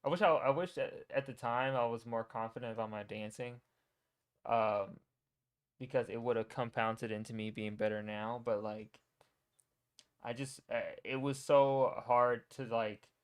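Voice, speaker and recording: A man's voice: medium pitch, fairly even intonation, unhurried, clear, resonant tone. A young man casually reacting to his own old videos, teasing and talking to himself. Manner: wry, teasing, talks to himself.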